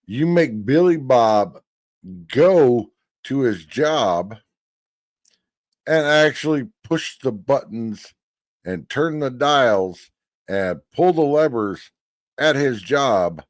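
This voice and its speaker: A man in his fifties reacts to a hearing with casual commentary over a clip, speaking bluntly and folksily and occasionally swearing. His mid-range voice has lively intonation, a slow pace, and long pauses, with no room sound audible.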